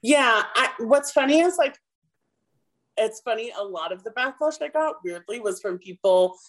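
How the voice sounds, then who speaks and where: A woman's voice: a little high, expressive, moderate pace. A young woman chatting as a podcast guest, talking casually with lots of fillers and restarts. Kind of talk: casual interview chat.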